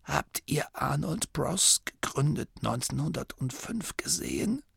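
A man voicing a frail, dying old gnome abbot who can barely speak above a breathy whisper. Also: fairly high pitch, big pitch swings, slow, fairly bright tone, no room sound, voice pushed up, exaggerated voice. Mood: weary. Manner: faint breathy whisper, weary and dry-witted.

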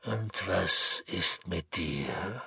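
A man voicing a savage male werewolf who gloats over his captives, speaking slowly in a rasping, half-whispered growl. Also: low-pitched, sharp tone, dry recording, clean studio sound, pitched below the performer's own voice, full character voice. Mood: menacing. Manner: slow, menacing, relishing cruelty. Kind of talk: audiobook character voice.

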